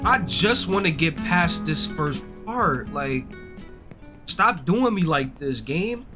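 Young male game streamer, frustrated and grumbling, slangy talk in a slightly high voice, faint music behind. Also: expressive, takes it slowly. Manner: slangy, swearing, often addressing listeners as bro. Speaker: gaming streamer. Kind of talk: casual gameplay commentary. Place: indoor streaming setup.

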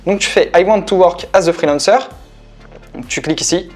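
A man's voice: high voice, normal speed, faint music behind. A man hosting a screen-recorded tutorial, talking insistently and repetitively, with lots of filler words. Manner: repetitive, insistent, many fillers like "voilà" and "donc". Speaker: online money-making tutorial host.

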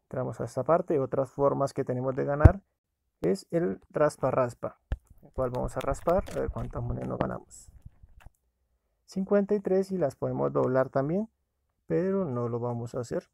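A man's voice: mid-range voice, moderate pace, creaky, mellow, a little hiss or hum. A man casually narrating a screen-recorded app walkthrough, talking to viewers as friends. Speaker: app reviewer.

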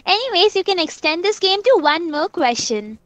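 A woman's voice: very high-pitched, very animated, moderate pace, fairly bright tone, soft background music. A woman hosting a casual quiz chat as quizmaster, mixing Hindi into English. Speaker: podcast host and quizmaster.

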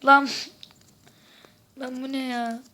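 A woman giving casual gameplay commentary, exasperated, swearing and shouting out at the game while chatting to her viewers. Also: sits high, little pitch movement, takes it slowly. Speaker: gaming video host.

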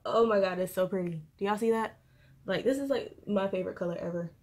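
A fast-talking young woman with a medium-pitched, darkish voice runs through a makeup tutorial in informal, slangy chatter. She's a beauty vlogger recording in her bedroom, with clear room noise in the background.

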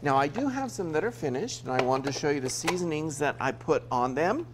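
A man's voice: a little high, lively intonation, a little fast, slight background noise. A man in his fifties from Utah hosting a TV cooking segment, chatting through each step as he cooks in a studio kitchen. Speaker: TV cooking show host. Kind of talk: cooking demonstration.

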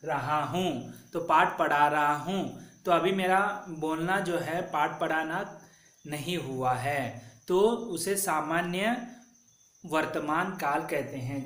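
A man teaching a grammar lesson to school children, slowly repeating example sentences for pupils to say after him. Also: on the high side, fairly bright tone, echoey room.

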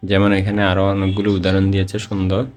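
A man with a Bangladeshi Bengali accent teaching Quran reading step by step, repeating each example word slowly in a drawn-out recitation. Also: deep voice, completely flat delivery, a little mellow, a little hiss or hum. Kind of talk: slow step-by-step lesson.

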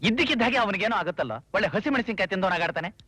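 An actor playing a lawyer who keeps teasing his friend with quick joking retorts. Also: sits high, lively intonation, sharp tone, husky, no room sound, exaggerated voice. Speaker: government lawyer.

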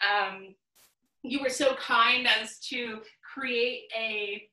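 A woman's voice: fairly high pitch, extremely slow, bright, forceful tone, reverberant. A woman hosting a live online cooking class on a video call, chatty and upbeat with lots of fillers. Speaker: host.

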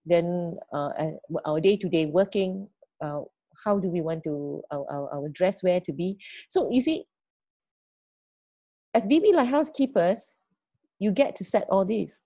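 A middle-aged woman talks her team through a plan on a video call. Her voice sits low and mellow, with a dry, close sound. She repeats words as she thinks and keeps checking in with "okay?" and "right?". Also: unhurried, no room sound. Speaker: team leader. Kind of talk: online team meeting briefing.

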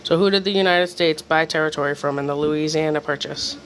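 In a fairly quick, evenly intoned mid-range voice that's a bit bright, a quiz reader casually reads out questions, occasionally tripping over the words. The homemade video is roughly recorded off camera in a small home room, with faint background noise.

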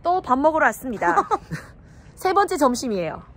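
A woman's voice: sits high, sing-song, normal speed. A woman talking through a face mask, vlogging a food tour in a playful, teasing way and laughing often. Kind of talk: casual vlog chat to camera. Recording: clear traffic and street noise behind.

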